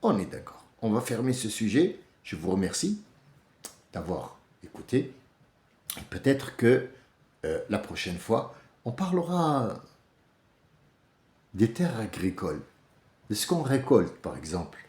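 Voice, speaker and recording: A man with an Algerian accent delivering an emphatic, rousing monologue to his viewers, swinging between loud outbursts and low asides. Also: very animated, a little slow, long pauses, echoey room. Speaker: vlogger. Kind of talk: impassioned monologue to camera.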